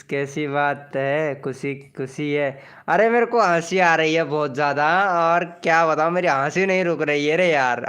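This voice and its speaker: A man's voice: on the high side, a bit bright, clear, resonant tone. A man chatting casually on a livestream, greeting viewers by name and repeating his phrases as he reads out their comments. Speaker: live streamer greeting viewers.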